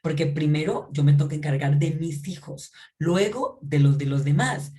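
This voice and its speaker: A woman's voice: low-pitched, normal speed, mellow. A woman giving an informal Bible teaching. She talks conversationally, often checks in with her listeners and repeats or restarts phrases as she explains.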